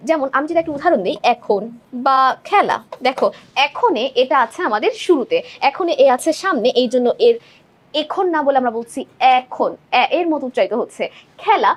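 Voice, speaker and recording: A young woman teacher explaining exam multiple-choice answers step by step, often checking in with her students. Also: high voice. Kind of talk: exam-prep lesson walking through multiple-choice answers.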